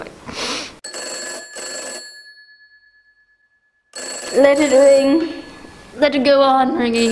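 A young woman, an amateur actor in a stage adaptation of a radio play, plays a frantic, imperious, nervous invalid wife on the telephone in a 1940s-style melodrama. Her high-pitched voice stammers breathlessly with fearful, panicky indignation. It's a clearly noisy recording from a dark indoor stage.

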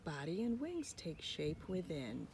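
Under a tree in a front yard, a woman reads a children's picture book aloud like a teacher, expressive and speaking to young children, with whispered asides. Her voice sits low and she is unhurried. Birds and ambient noise come through in the outdoor recording.

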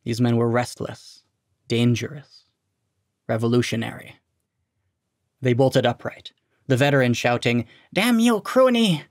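Gravelly-voiced man reading a story. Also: medium pitch, little pitch movement, measured pace, pauses often, no room sound, clean studio sound. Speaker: narrator, story reader. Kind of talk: scripted narration of a short story.

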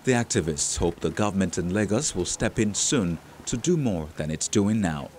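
A man with a deep voice narrates a news feature from a script. Faint street ambience with vehicles sits behind him. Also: expressive, normal speed, darkish tone, a little hiss or hum. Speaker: report narrator.

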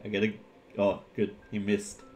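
A man co-hosts a casual podcast while he plays a game. His voice sits a little low, and he stays relaxed and wry as he comments on each move. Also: normal speed, faint music behind. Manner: laid-back, jokey, commenting on his own play. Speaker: podcast co-host playing a game.

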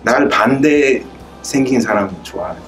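A man's voice: mid-range voice, animated, unhurried. A man in his thirties with a Korean American accent, hosting a casual interview in simple, loosely built phrases. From United States. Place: indoor rehearsal room with drum kit. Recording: distant mic, music behind.

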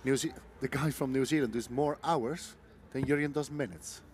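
A man's voice: mid-range voice, normal speed, darkish tone. Chatty guy co-commentating darts live, mid voice, faint hall noise. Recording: faint venue noise behind.

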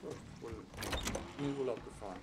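A man's voice: mid-range voice, a little fast, background noise. A man co-commentating a gameplay session with short, dry remarks and hints to the player, on a headset. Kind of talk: casual let's-play chat.

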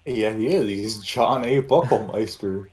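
A man chatting casually with a friend while playing a game, relaxed and a bit hesitant. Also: fairly low pitch, unhurried, faint music behind. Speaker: co-player.

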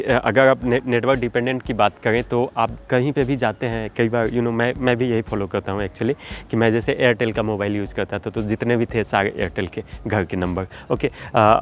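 A car vlogger with a mid-range voice shares car tips conversationally in a casual vlog. He often drops English fillers like "you know" and "okay."

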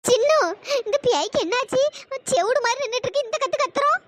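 A shrill bossy cartoon village auntie, voiced by an actress. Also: expressive, fast talker, fairly bright tone, no room sound, studio quality. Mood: puzzled. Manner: bossy, scolding. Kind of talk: cartoon voice acting.

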